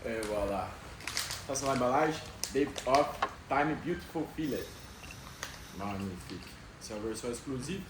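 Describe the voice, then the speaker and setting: A man's voice: medium pitch, lively intonation, normal speed. A man from Brazil, speaking French as a while hosting a casual podcast chat in an upbeat way. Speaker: podcast host. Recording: echoey room, loud background noise.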